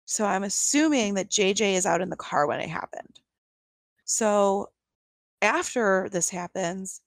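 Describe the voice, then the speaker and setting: A woman's voice: medium pitch, no echo. A young adult woman co-hosting a podcast, telling a true-crime story casually with lots of fillers and incredulous asides. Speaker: podcast co-host.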